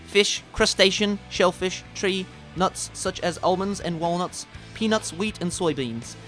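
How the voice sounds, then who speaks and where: Man reading a radio announcement. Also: on the high side. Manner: steady, measured, careful reading.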